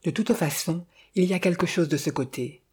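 A reader voicing a calm Italian motorist in a detective story, a man who speaks briefly and softly with quiet amusement, husky-voiced. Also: mid-range voice, normal speed. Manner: soft, laconic, mildly amused. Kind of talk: audiobook character reading.

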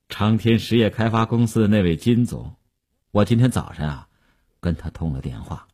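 A man's voice: medium pitch, huge pitch swings, unhurried, slightly rough, full character voice. A man reading a radio novel aloud, voicing a boastful, self-satisfied male stock speculator who chuckles and coaxes. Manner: bragging, chuckling, coaxing.

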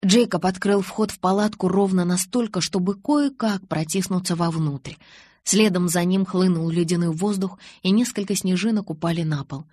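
A reader tells a novel in first person, steady and scripted. The sound is dry and close, with no room around it. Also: medium pitch, normal speed, dry recording. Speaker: audiobook reader. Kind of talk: scripted audiobook narration.

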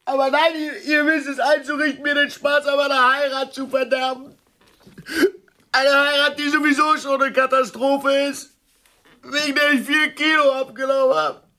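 A woman's voice: high-pitched, flat delivery, moderate pace, bright, forceful tone. An actress playing an overwrought, self-pitying woman who sees herself as the clown among her friends, ranting theatrically in a radio drama. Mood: furious.

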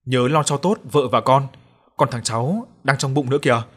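A man's voice: medium pitch, moderate pace, natural voice. A man voicing the harsh, scolding ghost of an old father in a spoken ghost story. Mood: stern.

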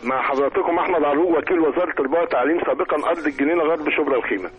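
A man in his sixties with an Egyptian accent, calling a radio quiz over the phone, formal and halting with many restarts. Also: a little high, faint music behind. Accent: Egyptian Arabic. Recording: tinny phone line.

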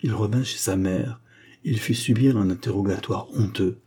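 Reading a classic novel from a script, a male audiobook narrator keeps a steady, measured delivery. His low, dark voice carries a slightly husky texture.

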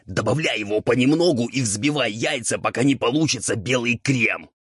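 A man's voice: mid-range voice, animated, moderate pace, husky, no echo, clean studio sound, pitched above the performer's own voice. A man voicing a fussy, irritable male ghoul cook who hisses and scolds in a strained, altered timbre. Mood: scolding. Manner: scolding, bossy.

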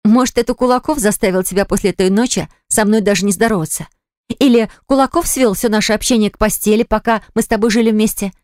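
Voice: mid-range voice, darkish tone, dry recording, studio quality, pitched above the performer's own voice, lightly acted. A reader voicing a hurt, indignant young pregnant woman who reproaches her fiancé in an audiobook.

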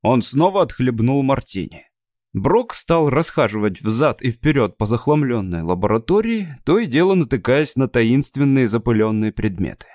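A man narrating an audiobook in a measured, unhurried reading style. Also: mid-range voice, very animated, a little mellow, no room sound, clean studio sound. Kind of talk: scripted narration.

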